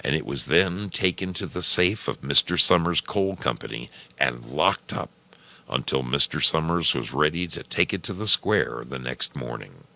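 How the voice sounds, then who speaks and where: A program host who tells stories narrates scripted short fiction with an extremely deep voice. He takes the prose deliberately, phrase by measured phrase, his creaky, gravelly tone carried by lively swings of intonation.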